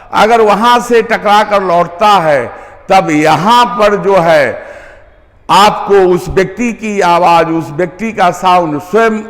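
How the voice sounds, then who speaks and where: A man's voice: high voice, a bit bright, long reverb tail. A man teaching a physics lecture, repeating key terms and asking the class whether they follow. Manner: repeats key terms, checks understanding with questions.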